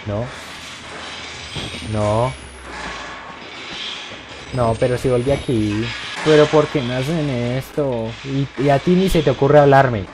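A man's voice: mid-range voice, slow, long pauses, noisy background. Jokey man narrating a horror game. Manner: jokey, talks back to game characters. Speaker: gameplay commentator. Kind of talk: let's play commentary.

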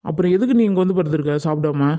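Cartoon role: voice actor doing a warm, brisk village husband with a Tamil Nadu accent who pleads gently with his wife. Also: medium pitch, close to an everyday voice. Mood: coaxing. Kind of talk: cartoon voice acting.

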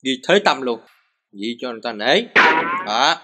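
Bright-voiced man explaining. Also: mid-range voice, animated, moderate pace, faint music behind. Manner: patient, repeats short cues like "đó" and "nè". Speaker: host of a phone recording tutorial channel. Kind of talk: step-by-step screen tutorial.

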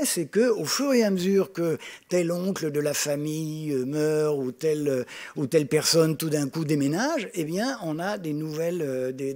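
A man's voice: fairly high pitch, a little mellow. An older man moderating from a stage table, giving an informal, digressive introduction with many restarts. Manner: digressive, hesitant, often restarting sentences. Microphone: gooseneck table microphone.

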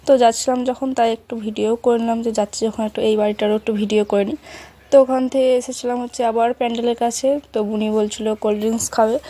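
A woman's voice: a little high, warm tone. A young woman, chatting casually as a vlogger about her day, rambling from one thing to the next. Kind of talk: casual vlog narration. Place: outdoors then indoors at a home.

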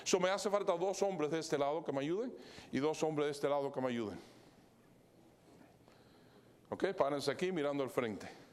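A man preaches a sermon in a church sanctuary, speaking a little fast in a slightly mellow voice. His pitch sweeps up and down as he delivers live illustrations, and he slips English fillers like "so" and "all right" into his Spanish.

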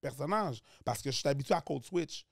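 Man, Quebec French accent, comedian, casual podcast chat, animated, dry close mic. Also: medium pitch, fairly quick, vocal fry, no echo. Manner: animated, shifts voices and accents while explaining. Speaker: stand-up comedian guest.

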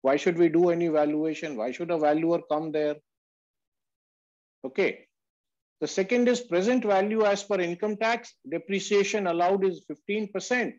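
A man's voice: high-pitched, normal speed, darkish tone. A man teaching on an online call, explaining emphatically and addressing listeners as sir. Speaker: valuation instructor. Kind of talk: explanatory online lecture with questions and answers. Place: online group video call. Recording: dull lo-fi video call audio.

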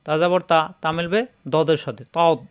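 Male recitation teacher, slightly raised pitch, clean ringing tone, methodical syllable-by-syllable drilling. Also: fairly even intonation, clean tone. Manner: spells syllables slowly, then chants the verse drawn out. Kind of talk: spelling-out recitation lesson.

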